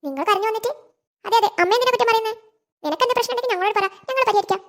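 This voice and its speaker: A woman voicing a shrill scheming mother. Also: lively intonation, rapid-fire, fairly bright tone, full character voice. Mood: taunting. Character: scheming sharp-tongued young mother. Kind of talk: animated cartoon voice acting.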